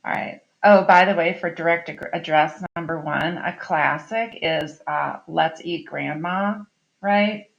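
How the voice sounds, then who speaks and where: Woman teacher, recorded lesson; lower voice with some fry, chatty and explanatory. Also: measured pace, hardly any pauses, highs cut off. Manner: explanatory, chatty, frequent "um" and "okay?" check-ins. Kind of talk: recorded online class lesson.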